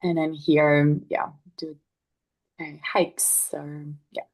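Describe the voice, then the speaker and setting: A woman's voice: low-pitched, level tone, takes it slowly, a little mellow, low-quality recording. A woman from Brazil, speaking on a video call. She talks in a reflective way and searches for her words.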